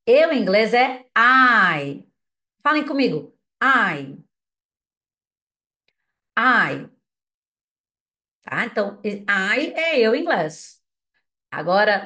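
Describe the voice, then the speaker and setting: Slow, patient woman teaching English. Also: medium pitch, pushed and bright. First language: Portuguese. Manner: slow, patient drilling with repetition prompts. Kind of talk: demonstration language lesson.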